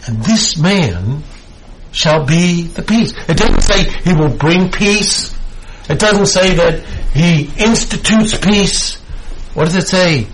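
A man preaching a sermon, slow and emphatic, building into fervent bursts. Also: high-pitched, expressive, a bit bright, slight background noise, rough recording.

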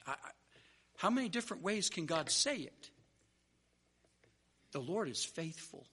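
A man's voice: on the high side, sing-song, measured pace, vocal fry, bright, forceful tone, breathy edge. A man preaching a sermon, telling a story and then driving home his point with earnest, repeated phrases.

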